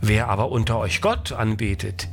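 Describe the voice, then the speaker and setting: A man reading the words of a grieving woman who has dried her tears, in a steady, solemn voice. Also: fairly low pitch, moderate pace, voice pushed down. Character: grieving young woman composing herself. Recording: music playing behind.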